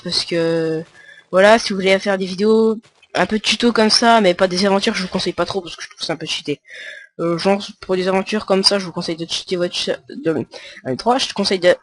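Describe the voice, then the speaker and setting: A man talks viewers through a game tutorial in a loose, conversational way. He rambles, trips over his phrasing and fills the gaps with hesitations. Now and then he throws in a playful aside to his audience. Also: sits high. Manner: rambling, with many fillers and stumbles; chatty and jokey with viewers. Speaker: tutorial maker. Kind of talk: casual screen-recorded game tutorial.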